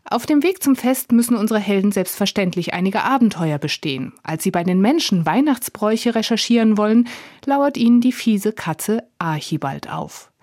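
A woman reading a scripted radio book review in a wry, clear manner. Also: mid-range voice, expressive, normal speed, darkish tone, dry recording, clean studio sound.

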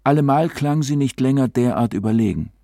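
A man narrating an old-fashioned literary tale in a measured, brooding, formal way. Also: medium pitch, warm tone, dry recording, studio quality.

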